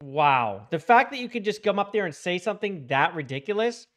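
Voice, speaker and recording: A man's voice: high-pitched, big pitch swings, fairly quick, a bit bright. A man giving casual reaction commentary, speaking in an opinionated, scoffing manner.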